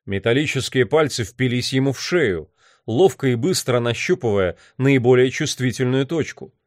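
A man narrating a novel in a measured, even reading. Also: mid-range voice, no echo, studio quality. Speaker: audiobook narrator. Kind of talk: scripted narration.

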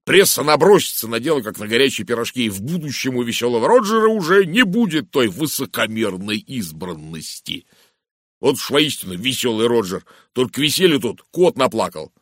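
Brash blustering businessman, raised and pushy, lively swings, as a male reader puts him on. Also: mid-range voice, a little fast, no echo, clean studio sound, pitched above the performer's own voice. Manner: boisterous, blustering, gossiping. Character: loud brash vulgar middle-aged English businessman.

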